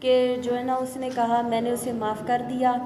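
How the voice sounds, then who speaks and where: A woman's voice: a little high, completely flat delivery, normal speed, roomy sound, a crowd in the background. A middle-aged woman making an insistent, accusing public statement as a mother, with hesitant fillers. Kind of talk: emotional video statement.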